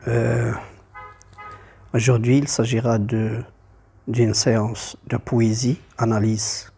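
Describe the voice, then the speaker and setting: Male teacher, husky and mellow, methodical, flat delivery. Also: medium pitch, takes it slowly. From Morocco. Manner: methodical, repeats key points. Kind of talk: classroom lesson on poetry.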